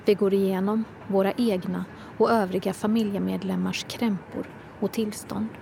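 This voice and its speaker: A woman reading her own first-person literary prose in a measured, reflective way. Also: mid-range voice, gravelly, noisy background.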